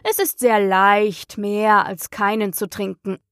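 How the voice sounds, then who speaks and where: A woman's voice: mid-range voice, fairly even intonation, takes it slowly, a bit bright, dry recording, clean studio sound. A woman reading the part of a rude, eccentric hatter in a storybook, speaking brusquely and mockingly.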